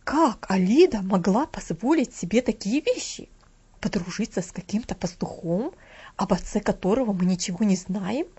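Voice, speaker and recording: A woman's voice: mid-range voice, big pitch swings, a little fast, few pauses, mellow, slightly rough, highs cut off. A woman voicing a strict governess who speaks with outraged indignation. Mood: indignant.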